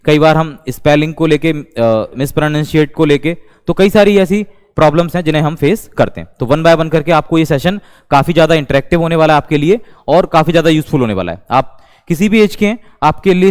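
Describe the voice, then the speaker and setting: A man's voice: fairly high pitch, quick pace, a little mellow, clear, resonant tone, big-room sound. A man with an Indian accent teaching English vocabulary in a lecture, repeating terms as he explains. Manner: repeats words, mixes Hindi and English.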